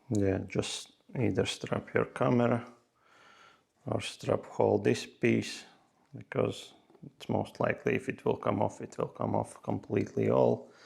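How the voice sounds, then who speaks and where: A man hosts a motorcycle gear how-to video, casually walking through a hands-on tutorial step by step in non-native English phrasing. His voice is fairly low and gravelly, a little mellow, with a breathy edge.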